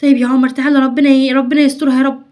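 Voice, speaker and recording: A woman's voice: sits high, level tone, racing, natural voice. A woman playing an anxious Egyptian mother. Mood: anxious phone. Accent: Egyptian Arabic. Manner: anxious, hushed, reassuring. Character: worried devoted young mother of two. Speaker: mother in a family skit. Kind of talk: home-made family sketch acting.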